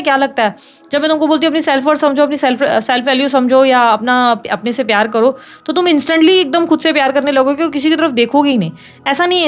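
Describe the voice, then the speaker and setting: A woman reading tarot in a casual chat to her viewers, talking fast, teasing and scolding them like a big sister. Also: sits high. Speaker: tarot reader.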